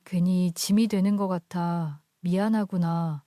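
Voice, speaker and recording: A woman voicing an ailing elderly father who gently consoles his daughter. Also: lowish voice, fairly even intonation, measured pace, dry recording, clean studio sound, lightly acted. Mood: gently consoling. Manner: soft, consoling.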